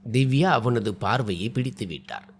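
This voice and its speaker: A man's voice: medium pitch, lively intonation, moderate pace, breathy edge. A man narrating a short story in a dramatic, scripted storytelling style.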